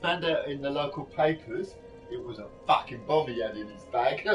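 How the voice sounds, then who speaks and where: A man with a London accent telling stories casually in rough, sweary slang. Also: medium pitch, normal speed. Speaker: live-streamer telling personal stories. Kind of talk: casual chat, anecdotes. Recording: distant mic with music behind.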